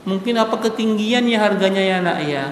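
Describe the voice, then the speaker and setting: A man voicing a poor, anxious mother who speaks softly and pleads with her daughter late at night. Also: high voice, a little fast, a little hiss or hum, natural voice. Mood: weary, worried. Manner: soft, weary, pleading. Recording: echoey hall reverb.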